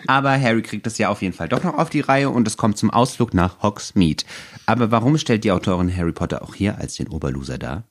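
A man's voice: lowish voice, animated, fast talker. A man co-hosting a casual podcast about a book, making ironic jokes. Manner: ironic, joking. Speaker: podcast co-host.

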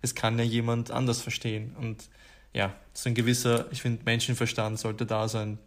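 A man co-hosting a casual podcast chat, speaking in a calm, measured way. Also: medium pitch. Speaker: podcast co-host.

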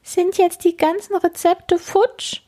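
A woman voicing small, timid ladybugs in a storybook reading, squeaking in a sheepish way. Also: level tone, slow, warm tone.

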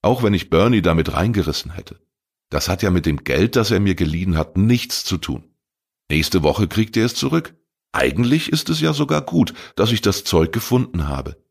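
A man's voice: low voice, sing-song, normal speed, creaky, husky, exaggerated voice. A man reading a crime story voices a teenage boy who pleads and eagerly justifies himself. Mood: defensive. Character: teenage boy, defensive and talkative.

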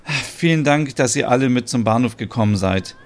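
A man's voice: mid-range voice, lively intonation, normal speed, natural voice. A man voicing an affectionate woman leaving on a train in a podcast soap opera. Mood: fond.

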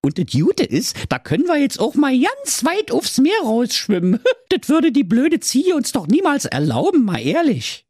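A man's voice: wildly swooping pitch, a little slow, few pauses, a little mellow, breathy edge, no room sound, studio quality, exaggerated voice. A man voicing a gang of cheeky, foul-mouthed little goat kids. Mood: scheming. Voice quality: shrill put-on squeak.

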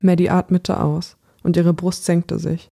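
Measured, dark-toned thriller narrator. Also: medium pitch, little pitch movement, gravelly. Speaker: audiobook reader. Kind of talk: audiobook reading of a thriller.

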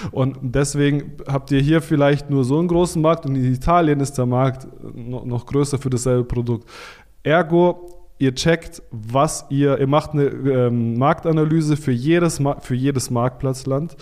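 A man talking as a podcast guest about online selling. He gives blunt, informal advice in a casual chatty way, stumbling into restarts and fillers as he thinks aloud. His voice sits at a medium pitch. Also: fairly even intonation, a little slow, darkish tone. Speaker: podcast guest, Amazon seller consultant. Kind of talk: casual expert interview talk.

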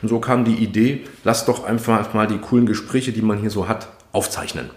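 A man co-hosting a podcast, talking casually in an interview, with hesitant pauses and fillers. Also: lowish voice, fairly even intonation. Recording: roomy echo.

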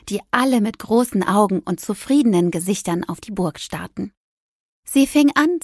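A woman's voice: mid-range voice, no echo, clean studio sound. Woman narrating a children's story. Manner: gentle, lively storytelling.

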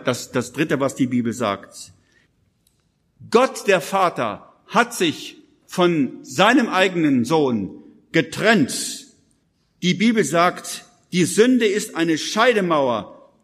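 A man with a high voice preaches urgently to a gathered crowd, pressing each point with emphasis. His words ring out with a long hall reverb behind them. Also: fairly bright tone. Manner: urgent, emphatic, addresses listeners directly. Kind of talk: live sermon. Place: church hall with audience.

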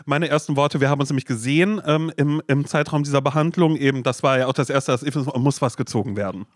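A young man co-hosting a podcast, joking and teasing in quick casual banter. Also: mid-range voice, no room sound, clean studio sound. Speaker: podcast co-host. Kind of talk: casual chat.

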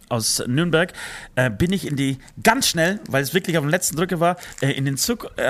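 A man's voice: mid-range voice, a bit bright. A man chatting casually in German, telling stories with many fillers, restarts and teasing asides. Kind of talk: casual chat.

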